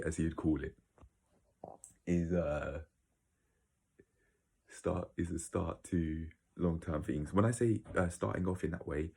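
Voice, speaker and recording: Male vlogger, very low and mellow, casual opinionated rambler who speaks bluntly. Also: gravelly, slightly rough. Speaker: video creator. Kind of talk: casual opinionated monologue to viewers.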